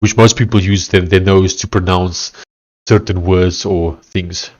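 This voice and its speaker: A low-voiced man with a broad South African Afrikaans accent. He talks slowly and casually, as a streamer working through things aloud, and sounds blocked in the nose, breathing through his mouth. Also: fairly even intonation, muffled recording. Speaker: livestreamer coding while building in public. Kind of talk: casual livestream chat.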